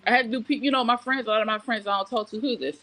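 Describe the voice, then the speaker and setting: A rough recording captures a middle-aged woman with a fairly high, bright, forceful voice talking very fast. As host of a casual live morning show, she chats, reads out viewer comments, and tells stories conversationally, with frank and emphatic advice.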